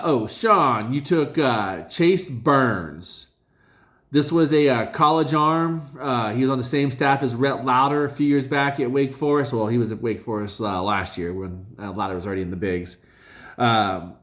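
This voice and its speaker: A man casually reviewing his fantasy league's draft picks, talking in a halting, rambling way with many fillers and self-corrections. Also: mid-range voice.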